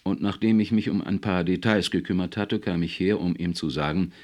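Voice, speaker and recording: A man's voice: sits low, brisk, darkish tone, natural voice. A man reading an audiobook, voicing a cheerful, stubborn older male science writer who speaks with jaunty confidence. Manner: jaunty, then indignant.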